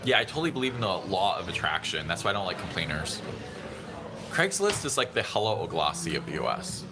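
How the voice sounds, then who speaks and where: A man in his thirties, hosting a casual phone livestream, rambling in a relaxed way and answering viewer chat. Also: low voice, fairly quick, background noise. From San Diego, USA. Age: 30s. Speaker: livestream host. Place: busy restaurant indoors. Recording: phone audio with busy restaurant chatter. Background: restaurant crowd chatter.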